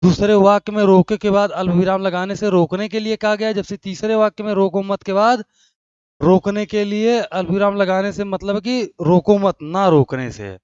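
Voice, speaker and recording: High-voiced male teacher, questioning style. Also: steady tone, moderate pace, darkish tone, smooth, dry recording. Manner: explains step by step, asks questions and answers them himself; frequent checks of "right?" with listeners. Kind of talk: online grammar lesson. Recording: dry, dull lo-fi sound.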